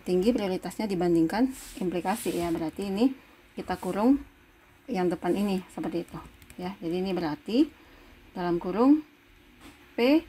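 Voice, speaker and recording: A woman's voice: mid-range voice, mellow, breathy edge. A middle-aged woman lecturer giving a recorded university lesson, explaining patiently step by step and checking in with her students after almost every sentence. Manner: patient, explains step by step, many tag questions.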